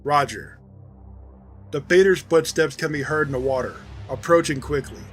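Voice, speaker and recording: A man narrating classified archive logs in a flat, reading manner. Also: fairly high pitch, a little fast, soft background music.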